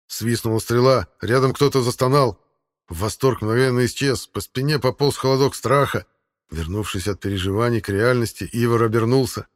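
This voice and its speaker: A male audiobook narrator with a mid-range voice reads a scripted book in a steady, measured way.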